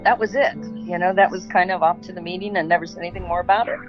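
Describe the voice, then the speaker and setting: A woman's voice: lowish voice, fast. A woman recalling an old encounter in an interview, acting out the voices of the people involved. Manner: animated, acts out quoted voices. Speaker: friend recalling an old incident. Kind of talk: casual storytelling in an interview. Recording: dull muffled audio with music underneath.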